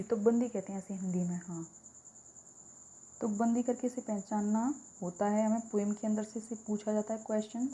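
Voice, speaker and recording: Mellow-voiced woman teaching a lesson. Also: on the high side, poor audio. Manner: explains step by step, repeats key words; reads English examples slowly. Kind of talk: exam-prep lesson.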